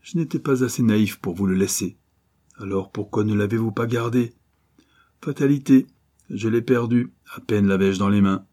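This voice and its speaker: A man's voice: on the low side, normal speed, mellow, natural voice. A man reading aloud and voicing a sneering, ruthless male bandit chief in a storybook adventure. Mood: boastful. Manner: sneering, boastful.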